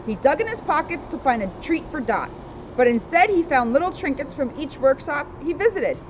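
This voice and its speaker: This woman's high-pitched voice is very animated and brisk as she reads a children's storybook aloud, pausing for casual remarks. The recording is dull and captured outdoors on a town street with loud traffic and street noise.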